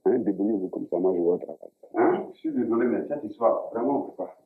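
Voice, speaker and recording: A man with an Ivorian French accent playing a broke father in a comedy sketch, exasperated and tagging his lines with "hein?". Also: fast. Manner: exasperated, lively pitch, tags lines with "hein?". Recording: tinny lo-fi audio with room echo.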